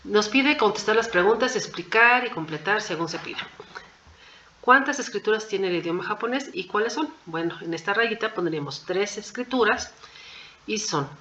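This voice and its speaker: A woman's voice: medium pitch, animated, moderate pace, sharp tone, muffled recording, slight background noise. A woman teaching a language class, going through exam answers point by point in a patient, methodical way and often checking in with the class.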